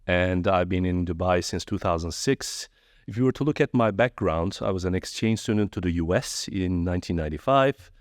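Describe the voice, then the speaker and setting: A friendly man from Turkey in his forties speaks as a podcast guest with a very low, deep voice. The sound is dry and close to the mic, with no room around it. He talks in a relaxed, conversational way. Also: fairly quick, no echo. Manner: friendly, storytelling with animated quoted voices. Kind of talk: casual interview conversation.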